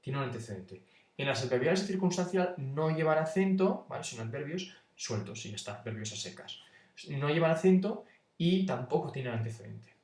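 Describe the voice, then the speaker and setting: A man's voice: medium pitch, expressive, brisk, a little mellow, distant mic. A man giving an informal exam-prep lesson, stopping to check in with his students at almost every step. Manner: informal, checks in with "¿vale?" constantly. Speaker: teacher. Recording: echoey room, voice off-mic.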